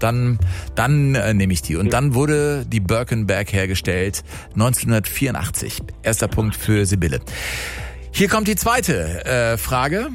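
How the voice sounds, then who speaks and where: A man hosting a radio quiz in a studio, chatty and upbeat, explaining rules quickly with fillers. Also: medium pitch, creaky.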